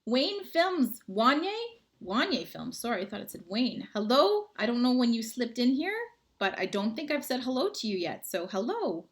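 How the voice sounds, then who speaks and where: Chatting from home, a woman livestreams to her viewers, reading out their comments in a friendly, rambling way. Her voice sits a little high and has a sing-song lilt, and she talks at a normal speed.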